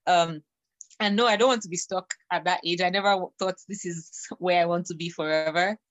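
A young adult woman co-hosting a casual podcast chat, speaking in a relaxed, slangy way. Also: lowish voice, a little fast, no room sound, muffled recording. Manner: laid-back, slangy, laughing easily.

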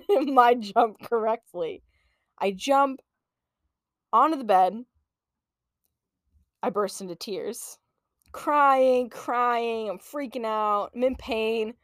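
A young woman in her late twenties chats through a funny childhood story as a podcast host, loose and profane, breaking into laughs. Her voice sits a bit high and lively. The sound is close and dry, with no room around it. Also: slow, long pauses, dry recording. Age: late 20s. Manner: animated, profane, laughs often. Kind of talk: casual storytelling chat.

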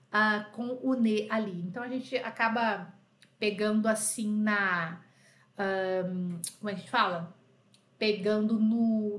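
A woman's voice: fairly high pitch, roomy sound. A Brazilian woman teaching a live French lesson in a chatty, affectionate way, often checking in with her students. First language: Portuguese.

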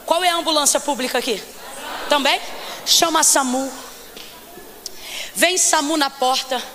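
A woman preacher from Rio de Janeiro, giving an emphatic sermon that keeps questioning the congregation and rises to shouts. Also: high-pitched, a little slow, slight background noise. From Rio de Janeiro, Brazil. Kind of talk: Pentecostal sermon.

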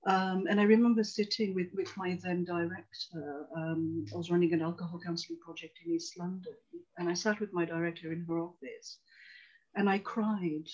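A woman's voice: fairly low pitch, fairly even intonation, moderate pace, darkish tone, lo-fi sound. A woman in her forties, originally from Tanzania, working as a psychotherapist and telling her life story earnestly and reflectively as a guest on a video call. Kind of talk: personal storytelling in a conversation.

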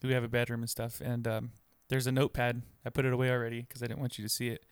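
A man co-hosting a podcast from his home office, easygoing and quick to laugh. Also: medium pitch, flat delivery, clean tone, no room sound, studio quality. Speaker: podcast co-host. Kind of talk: casual podcast chat.

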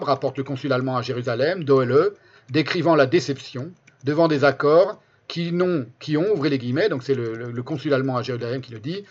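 A man with a somewhat high-pitched voice reads quotations aloud as a commentator. He stresses key phrases by repeating them and slips into spoken asides. The sound is dull and lo-fi. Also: slightly rough. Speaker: commentator presenting a history book.

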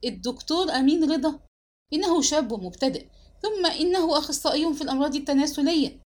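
A woman's voice: on the high side, lively intonation, fast talker. A woman voicing an enraged grieving husband. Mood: furious. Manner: shouting, accusing questions. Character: grief-stricken, furious husband demanding answers. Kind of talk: dramatic novel narration.

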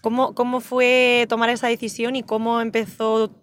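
A woman's voice: on the high side, flat delivery, moderate pace, clear, resonant tone. A woman co-hosting a casual interview in a car, asking long, rambling questions. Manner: chatty, rambling questions with restarts. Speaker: co-host. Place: inside a car.

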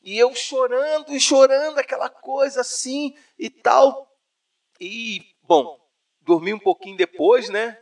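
A Brazilian man with a fairly high voice tells a personal story to an interviewer. He is animated and slangy, and the mic sits some way off from him. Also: far from the mic. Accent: Brazilian Portuguese. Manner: animated storyteller, says "cara" often. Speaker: interview guest. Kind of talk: personal testimony, casual conversation.

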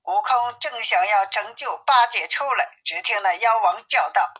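A woman storyteller reading a classic tale aloud in a lively, expressive way. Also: medium pitch, moderate pace, slightly rough, low-quality recording.

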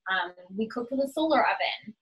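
A young woman from New England talks in an upbeat, chatty way, leaning on "like" as she answers questions. Her voice is bright and sits a little high. She sounds relaxed and conversational. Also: a little fast, rough recording. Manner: chatty, uses "like" a lot, upbeat. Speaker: interviewee. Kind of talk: casual conversational interview.

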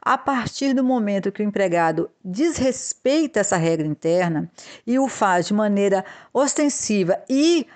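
A woman explains workplace legal rules on a podcast. She is deliberate and advisory, and she often hesitates and restarts a phrase before going on. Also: mid-range voice, animated, darkish tone. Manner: measured, with frequent hesitations and restarts. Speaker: podcast host, labor law advisor.

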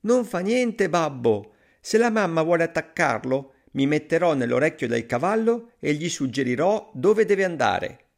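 Guy doing a squeaky little thumb-sized kid, eager and chirpy, gravelly edge, bouncy. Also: normal speed, few pauses. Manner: high, chirpy and excited. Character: tiny thumb-sized boy, bright and eager.

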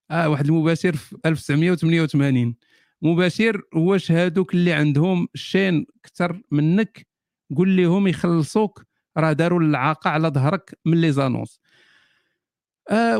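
A man's voice: on the high side, a little mellow, dry recording, studio quality. A man with a Moroccan accent hosting a casual live Q&A, answering viewer questions with jokes, sardonic asides and frequent laughter.

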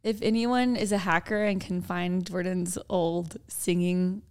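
A young woman with a raspy, gravelly voice co-hosts a podcast, chatting casually in a playful, animated, teasing way. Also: on the low side, unhurried. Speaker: podcast co-host.

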